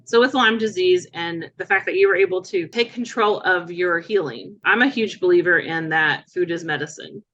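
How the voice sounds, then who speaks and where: Muffled, lowish-voiced woman interviewer. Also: normal speed, few pauses, a bit bright. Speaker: podcast host, interviewer. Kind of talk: conversational interview.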